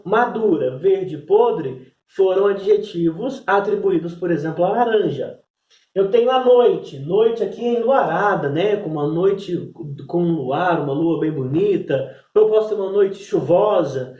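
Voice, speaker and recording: High-voiced teacher. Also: male voice, warm tone, echoey room, recorded from a distance, muffled recording. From Brazil. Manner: explanatory, repeats "né?" and "então". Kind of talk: recorded class lesson. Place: classroom.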